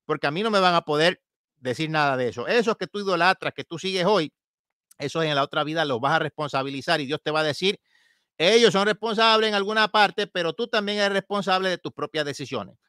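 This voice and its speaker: Sharp, combative preacher man. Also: fairly high pitch, brisk, smooth, no room sound, clean studio sound. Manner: combative, scolding, mocking. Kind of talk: sermon-style commentary.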